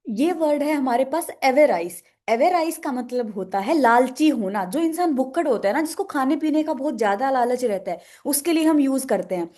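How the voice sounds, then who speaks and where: A woman's voice: high-pitched, expressive, normal speed, hardly any pauses, dark tone. A woman teaching English vocabulary, asking questions and answering them herself, repeating each word. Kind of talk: explaining in a lesson with memory tricks.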